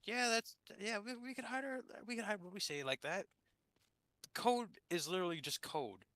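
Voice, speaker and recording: A man's voice: sits high, normal speed, sharp tone, no room sound. A young adult man chatting eagerly, jumping in and swearing now and then. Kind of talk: casual chat.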